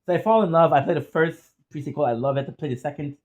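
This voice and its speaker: A man with a French accent telling personal stories in a casual, rambling vlog style, often halting to repeat and correct himself. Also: fairly high pitch, phone-quality sound. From France or French-speaking region. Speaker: content creator.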